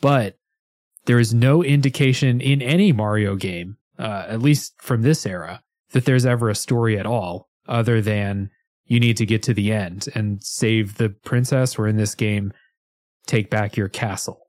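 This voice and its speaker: A man's voice: fairly low pitch, moderate pace, a little mellow, dry recording, clean studio sound. A man co-hosting a podcast in casual chat, candid and wry, laughing often and stammering as he starts his points. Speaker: podcast co-host.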